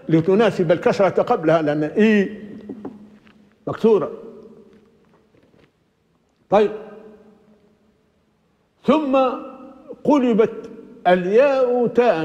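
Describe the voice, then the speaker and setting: Older sheikh lecturing in an echoing hall. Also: male voice, high-pitched, mellow. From Libya. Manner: patient, repeats words while thinking, asks and answers his own questions. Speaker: sheikh teaching Quranic exegesis. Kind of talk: classroom lecture on grammar. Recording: dull lo-fi recording with long hall reverb.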